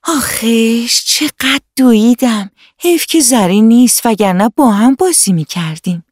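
A woman voicing a cheerful, curious little girl who asks excited, wide-eyed questions in a storybook reading. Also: on the high side, no room sound, clean studio sound, pitched above the performer's own voice. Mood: relieved.

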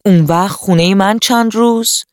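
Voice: medium pitch, no room sound, clean studio sound, lightly acted. A storyteller voicing a strong, stern male tiger who scolds a freeloader in a children's radio story. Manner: firm, scolding, growling remarks.

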